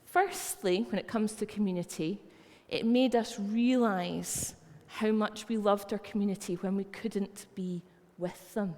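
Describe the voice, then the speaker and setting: A woman's voice: mid-range voice, fairly even intonation, measured pace, hardly any pauses, a little mellow. A woman with a Scottish accent preaching a sermon in a chatty, storytelling way. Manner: conversational, anecdotal storytelling. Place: church hall. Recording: long reverb of a church.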